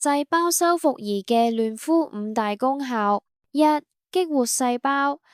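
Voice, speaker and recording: A woman reading a scripted instructional voice-over for a beauty salon, in an even, promotional step-by-step manner. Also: sits high, smooth, no echo, clean studio sound.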